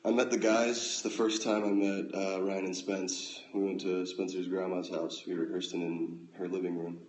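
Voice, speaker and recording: An American man hosting a casual phone livestream at home, reading out comments with relaxed, dry, offhand replies. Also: low-pitched, normal speed, slight background noise. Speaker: livestream host. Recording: echoey room, faint ambience.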